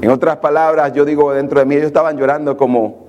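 A man's voice: on the high side, steady tone, quick pace, lo-fi sound, music in the background. A man preaching a sermon with fervor, building up through strings of repeated declarations.

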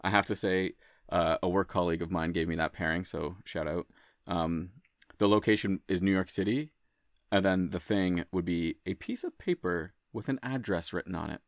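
A man co-hosting a podcast in casual chat, easygoing and quick to agree, stammering as he restarts sentences. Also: low-pitched, no echo, clean studio sound. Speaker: podcast co-host.

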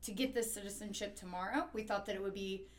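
A woman's voice: medium pitch, fairly even intonation, fast talker. A young woman hosting a student podcast interview, chatty and full of fillers. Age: young adult.

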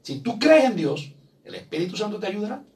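A man preaches a sermon to his church in a high, ringing voice, pressing his points and acting out the voices of the people he quotes. He sounds set back from the microphone, with some distance in the sound. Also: big pitch swings, fairly quick, a little mellow. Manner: preaches with rising emphasis, acts out quoted voices. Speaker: pastor.

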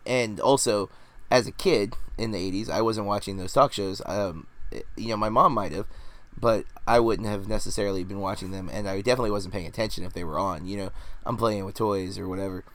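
A man in his forties with a somewhat low voice chats casually about a film. He rambles, hedges and fills pauses with "um" and "like" as a podcast host. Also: steady tone, a bit bright. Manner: rambling, hedging, many fillers. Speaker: podcast host reviewing films.

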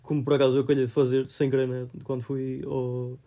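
Fast-talking young man. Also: medium pitch, completely flat delivery, warm tone. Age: young adult. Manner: slangy, peppered with English words. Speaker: film discussion podcast co-host. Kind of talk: casual chat.

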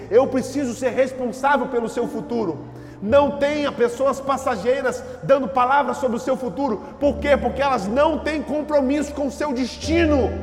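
High-voiced shouting preacher in echoey hall. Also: male voice. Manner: preaching with surges into shouting and repeated phrases. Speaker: pastor. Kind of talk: sermon. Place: church.

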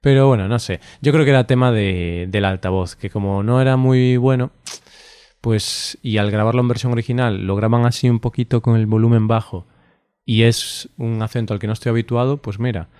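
A man from Spain co-hosting a podcast in casual, unscripted conversation, relaxed and chatty with frequent laughs and hesitant fillers. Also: medium pitch, fairly quick, clean tone, no room sound, studio quality. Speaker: podcast co-host.

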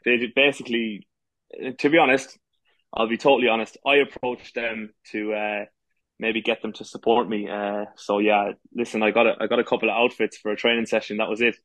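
A man's voice: on the low side, little pitch movement, fairly quick, a bit bright, no room sound. A man in his thirties from the west of Ireland with an Irish accent, chatting casually as an interview guest. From Galway, west of Ireland. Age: 30s. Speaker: podcast guest, amateur goalkeeper.

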